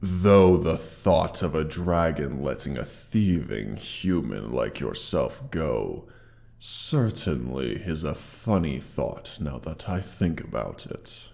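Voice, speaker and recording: This very deep, slow, gravelly male voice belongs to a dragon: injured, proud, menacing and guarding a hoard, with a processed monster effect applied. It's a scripted roleplay monologue, heavily acted with lively intonation and a darkish tone, sounding both amused and pained. The delivery is deliberate and haughtily menacing, with archaic wording.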